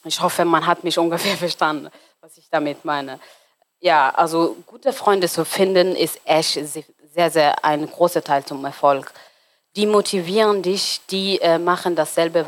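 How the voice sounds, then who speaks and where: Speaking in a voice that sits low, a woman in her twenties from Somalia chats casually as an interview guest in German, which isn't her native language. She frequently hesitates with filler sounds as she hunts for the right words.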